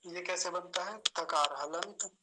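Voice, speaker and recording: A Sanskrit teacher with a high voice gives an online pronunciation class over a video call. He explains patiently and repeats sounds slowly to demonstrate them, with background noise audible.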